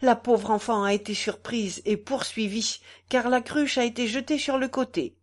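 A woman's voice: a little high, steady tone, moderate pace, voice pushed up, close to an everyday voice. A woman reading a grave village priest. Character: grown male village priest, grave and bitter.

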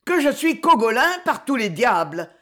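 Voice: medium pitch, big pitch swings, a little slow, slightly rough. A reader voicing a hapless, indignant male squire in an audiobook, protesting and wailing. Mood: pleading. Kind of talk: audiobook character voice.

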